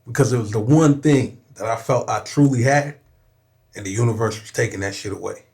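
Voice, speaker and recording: A man's voice: mid-range voice, brisk, darkish tone. A young adult man from Southern California, a rapper guesting on a podcast, who tells a personal story in a candid, emphatic way, swearing often and repeating "you know what I'm saying".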